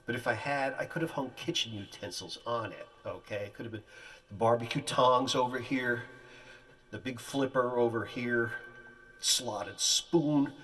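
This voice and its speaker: A man telling a comic personal story in animated, colorful, folksy phrasing, heard from a distance. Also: mid-range voice, a little slow.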